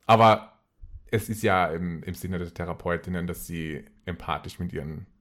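A man's voice: sits low, moderate pace, a bit bright. A man with an Austrian accent talking casually and personally as an interview guest, repeating phrases for emphasis.

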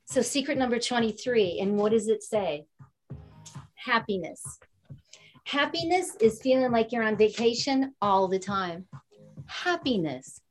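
A woman's voice: fairly high pitch, animated, measured pace, soft background music. A woman author speaking on a panel, giving an upbeat, inspirational motivational talk.

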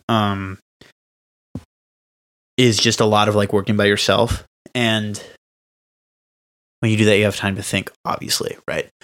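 A young man co-hosting a casual podcast at home, rambling with lots of "like" and restarts. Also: mid-range voice. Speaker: podcast co-host. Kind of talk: casual chat.

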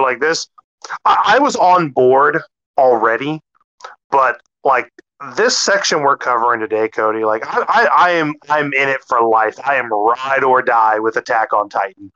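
A man co-hosting a casual podcast chat, excitable, swearing freely and stumbling over his words. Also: medium pitch, rough recording. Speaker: podcast co-host.

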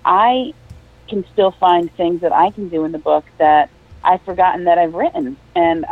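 A woman's voice: on the low side, lively intonation, normal speed, no echo. A middle-aged woman explaining things conversationally as an interview guest. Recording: tinny phone-line sound.

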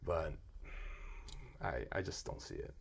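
A man's voice: extremely low pitch, unhurried, gravelly, husky. A man who grew up in Brazil, talking in a casual, emphatic conversation and acting out quotes as he argues. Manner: animated, emphatic, acts out quotes.

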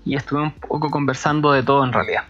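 A man hosts his own podcast, introducing a guest he admires and chatting eagerly, like a warm, enthusiastic fan, in a casual intro and interview. He talks fast at a medium pitch, and the audio has its highs cut off.

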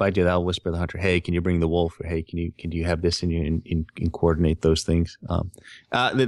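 A man's voice: low voice, dry recording, clean studio sound. A man hosting a casual gaming podcast, reading out listener questions and explaining them patiently. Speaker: podcast host.

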